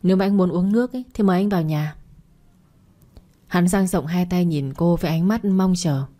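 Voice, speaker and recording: A woman's voice: fairly low pitch, brisk, mellow. A woman reading a romance story aloud, narrating and voicing every character's lines in her own voice.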